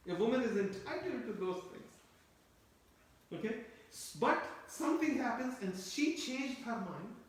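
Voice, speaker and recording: The speaker is a Turkish-speaking Quran teacher lecturing on tafsir, his high voice distant and swimming in echo. His delivery is explanatory, with repeated phrases and rhetorical questions directed at the listeners.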